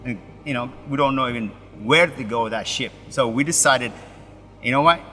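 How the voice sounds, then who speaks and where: Brief: middle-aged Ethiopian-born male pastor, halting and restarting, bright tone, long room reverb under faint music. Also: medium pitch. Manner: halting, broken English with many restarts. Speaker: pastor, interview guest. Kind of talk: personal story in an interview.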